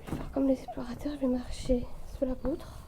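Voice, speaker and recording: A woman's voice: sits high, level tone, brisk, noisy background. Young woman half-whispering while exploring a ruin. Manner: hushed, tense and hesitant, often half-whispering. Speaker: urbex vlogger. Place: abandoned château in a forest.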